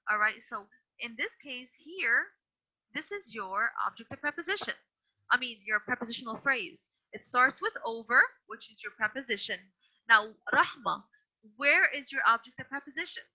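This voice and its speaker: A woman's voice: fairly high pitch, animated, moderate pace, pushed and bright. A woman teacher leading an online grammar lesson, patient but firm as she repeats and corrects her students. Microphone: video call. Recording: dull lo-fi video call audio.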